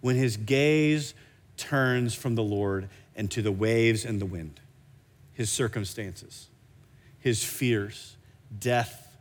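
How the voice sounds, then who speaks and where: A man delivers a sermon from the pulpit at a middling pitch. He preaches in an animated way, often restarting and repeating words mid-phrase. A long hall reverb trails behind every line. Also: slow. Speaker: pastor.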